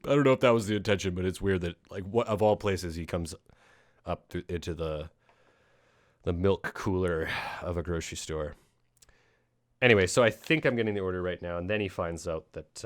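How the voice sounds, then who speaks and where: In a dry, clean studio recording, a low-voiced man hosts a podcast and chats about a film. His talk rambles, with frequent fillers, restarts and casual cursing.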